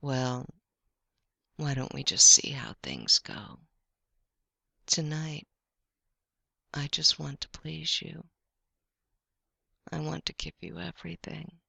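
A young woman speaks slowly in a teasing, intimate way, her voice crackling with deep vocal fry and sometimes dropping into soft whispers. Despite the hush her tone stays bright, forward and animated. The recording is dry and close, with no room sound around it.

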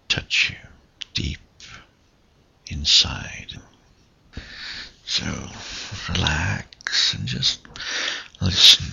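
Male, gravelly, slow hypnotic whisper right in the ear for intimate relaxation audio; breathy, close-miked. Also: bright, forceful tone, highs cut off. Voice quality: breathy, husky, gravelly low voice. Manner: slow, coaxing, hypnotic delivery with short phrases.

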